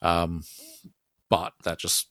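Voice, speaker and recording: A man's voice: sits low, completely flat delivery, slow pace, bright, forceful tone, no room sound, clean studio sound. An Australian man being interviewed on a podcast about his music, talking in a rambling, self-deprecating way and laughing often. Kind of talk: casual interview chat.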